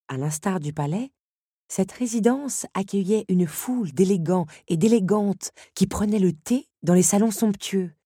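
A woman narrator reading a storybook aloud in a measured, expressive way. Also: medium pitch, breathy edge, no room sound, clean studio sound.

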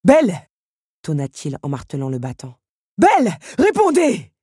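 A woman voicing a male beast, lord of the castle, calm and commanding. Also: rumbling low, normal speed, breathy edge, no room sound, studio quality, full character voice. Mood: alarmed. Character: gruff lordly beast, male, worried master.

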